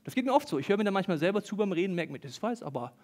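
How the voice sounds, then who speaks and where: A man preaching a lively sermon to a congregation, reading Bible passages and acting out the quoted voices. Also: high voice, racing, slight background noise. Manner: animated, acts out quoted voices, talks directly to the congregation. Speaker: pastor. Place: church service hall with an audience. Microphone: stage microphone.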